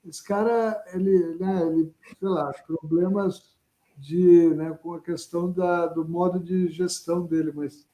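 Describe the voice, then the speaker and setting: Man, interview host, high voice, mellow tone, hesitant casual talk. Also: fairly even intonation, measured pace, poor audio. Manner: hesitant, restarts sentences.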